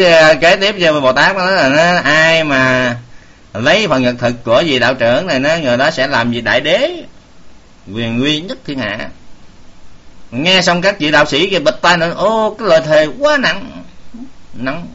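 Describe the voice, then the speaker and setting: A man's voice: on the high side, lively intonation, normal speed, pushed and bright. A man, a Buddhist preacher telling a story in a folksy way, with many filler sounds and direct words to the audience. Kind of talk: sermon storytelling. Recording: dull lo-fi recording.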